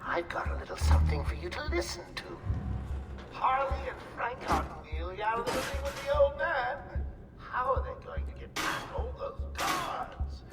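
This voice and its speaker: A man's voice: very high-pitched, wildly swooping pitch, normal speed, exaggerated voice. An actor playing a gleeful, taunting male clown villain with mocking, sing-song delivery. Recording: echoey distant game audio, loud music.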